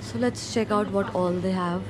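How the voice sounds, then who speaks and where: A woman's voice: mid-range voice, fairly even intonation, moderate pace. A young woman vlogging casually in a small grocery shop, joking with her friend and the viewers. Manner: playful, joking, talks to viewers. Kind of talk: casual vlog chat. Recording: background music over the sound.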